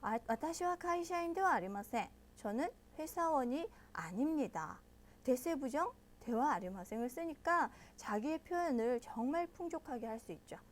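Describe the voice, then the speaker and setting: Brief: bright high-pitched female teacher, patient, walks learners through each point. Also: expressive. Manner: patient, explains step by step and checks in with listeners often; models pronunciation slowly and loudly. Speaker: Japanese language teacher. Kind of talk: online language lesson.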